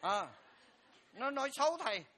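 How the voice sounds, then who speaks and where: High, bright-voiced older monk joking. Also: male voice, very animated, moderate pace. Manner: joking storyteller, addresses audience directly. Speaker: Buddhist monk. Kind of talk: humorous dharma talk.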